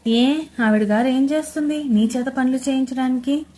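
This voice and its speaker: Woman playing a loud, scolding mother-in-law. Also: high voice, normal speed, natural voice. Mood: scornful. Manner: scolding, shouting. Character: shrill domineering middle-aged mother-in-law. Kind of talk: audio story acting.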